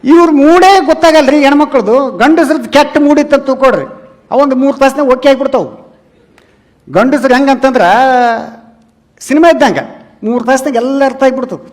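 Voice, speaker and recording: A man's voice: very high-pitched, moderate pace, pauses often, darkish tone. A man with a North Karnataka Kannada accent, a stand-up comedian telling chatty funny stories to a live audience and often calling them relatives. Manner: chatty storytelling, repeatedly calls the audience "relatives". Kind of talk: humorous stage talk to a live audience.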